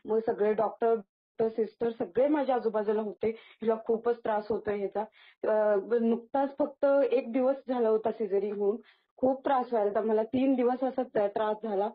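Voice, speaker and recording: A young adult woman, a guest, tells a personal devotional experience in casual speech, halting often with false starts and restarts. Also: on the high side, fairly even intonation. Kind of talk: casual spoken testimony. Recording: tinny phone-line sound.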